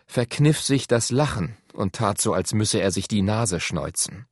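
Expressive, husky male storyteller. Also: lowish voice, a little slow, no echo, studio quality. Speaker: audiobook narrator. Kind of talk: scripted narration.

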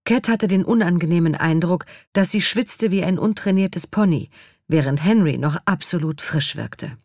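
Low-voiced woman reading an audiobook. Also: moderate pace, darkish tone, no echo, clean studio sound. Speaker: narrator. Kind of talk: scripted audiobook narration.

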